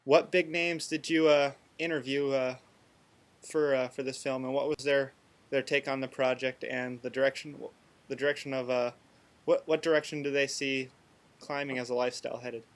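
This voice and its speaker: A man asking an interview question haltingly, with restarts. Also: mid-range voice, little pitch movement.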